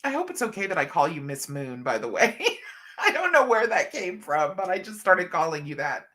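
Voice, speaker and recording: Stuffy and slightly scratchy from allergies, this middle-aged livestream host reads through comments and chats warmly with viewers, calling them hun and honey. She speaks at a normal speed in a fairly low, very animated voice with a bit of brightness.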